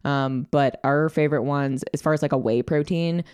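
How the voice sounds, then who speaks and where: A woman's voice: deep voice, fairly even intonation, moderate pace, darkish tone, clean tone. A young woman co-hosting a fitness podcast, chatting casually with lots of fillers. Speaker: podcast co-host, fitness coach. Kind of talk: casual chat.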